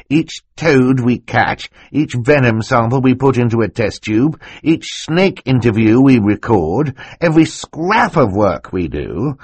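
A man voicing an excitable, fussy older male snake scientist in an audiobook, talking over others. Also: mid-range voice, slightly rough, no echo, voice pushed up, exaggerated voice. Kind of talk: audiobook character voice.

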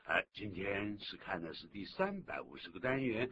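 A low, older male voice, his pitch swinging widely as he explains English phrases for radio listeners. The recording is dull and lo-fi, with a clear hiss of noise underneath. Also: normal speed. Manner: lively explaining, acts out complaints. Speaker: English teacher, radio host. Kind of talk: bilingual radio English lesson.

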